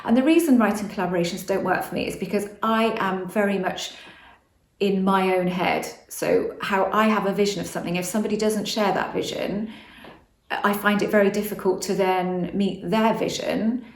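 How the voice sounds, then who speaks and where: A woman's voice: medium pitch, steady tone, moderate pace, echoey room. A woman vlogging about manifestation in a casual, rambling monologue, often restarting and correcting herself.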